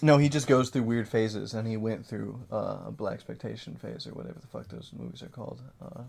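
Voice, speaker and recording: A man's voice: on the low side, steady tone, a little fast, gravelly, darkish tone. A man co-hosting a casual podcast, telling rambling stories full of fillers and swearing. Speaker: podcast co-host. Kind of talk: casual chat.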